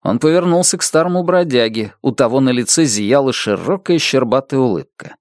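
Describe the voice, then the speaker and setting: A man reading an audiobook in a measured storytelling manner. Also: mid-range voice, expressive, no echo, clean studio sound. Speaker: audiobook narrator. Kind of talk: scripted narration.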